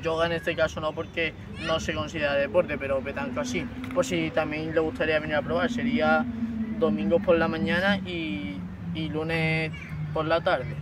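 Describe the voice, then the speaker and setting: A teenage boy plays a stiff, formal sports official on a prank call, stumbling over fillers. His fairly high voice sounds distant, caught by a far camera in a park. Clear outdoor noise runs underneath. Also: flat delivery, moderate pace. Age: teens. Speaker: prank caller. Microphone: phone on speaker, far camera.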